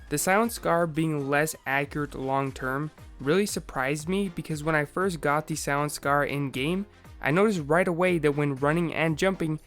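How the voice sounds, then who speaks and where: A man with a slightly raspy voice, recovering from a sore throat, methodically narrating a scripted video game explainer. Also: on the high side, fairly bright tone.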